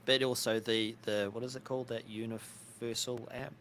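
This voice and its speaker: A man's voice: mid-range voice, flat delivery, moderate pace, a bit bright, a little hiss or hum. A man co-hosting a live show in casual chat, joking and laughing easily while thinking aloud. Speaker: podcast co-host.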